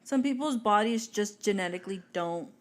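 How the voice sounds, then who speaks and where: A woman co-hosting a podcast in relaxed chat. She backs her friend up with short agreeing replies, then explains her view plainly in a mid-range voice. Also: mid-range voice, moderate pace. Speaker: podcast co-host. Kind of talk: casual chat.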